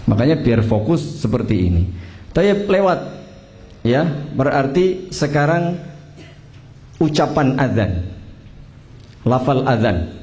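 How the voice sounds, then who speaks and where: An Islamic teacher who trains imams and muezzins holds a casual religious class on the call to prayer, speaking with a Javanese accent. His mid-range voice is very animated and dark-toned, slow and full of pauses, and the recording's highs are cut off. He jokes, teases his students, and mixes local slang into his teaching.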